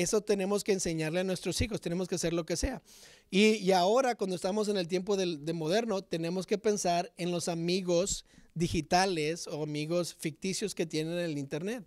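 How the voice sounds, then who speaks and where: A male pastor preaching a sermon in an animated, direct way, often asking the congregation rhetorical questions. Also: sits high, no echo, studio quality.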